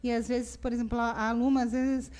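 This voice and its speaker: A woman's voice: on the high side, little pitch movement, fairly quick. A woman family therapist, explaining parenting advice in casual talk and acting out what parents and children say. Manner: warm explanatory, acts out parent and child quotes.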